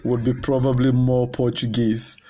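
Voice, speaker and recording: Curious male podcast host thinking out loud. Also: mid-range voice, little pitch movement, normal speed. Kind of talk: conversational interview.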